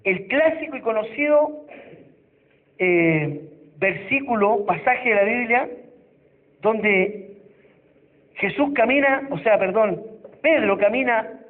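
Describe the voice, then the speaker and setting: A Chilean pastor preaches in a very high voice, dramatizing the voices in the scripture he retells. The sound is thin and phone-like, as if captured on a cheap church recording. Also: animated, slow pace, pauses often. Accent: Chilean Spanish. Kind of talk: sermon.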